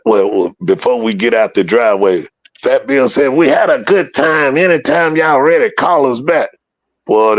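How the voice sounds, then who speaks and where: Gravelly man swearing through a story. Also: fairly low pitch, no room sound. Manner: profane, animated, acts out quoted voices. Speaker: interview guest telling a story. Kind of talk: casual storytelling. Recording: dull lo-fi dry recording.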